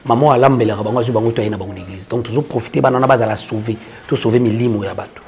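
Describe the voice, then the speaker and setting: Man, fast, earnest, casual interview. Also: medium pitch, a little mellow, slight background noise. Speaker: church prophet and orphanage founder.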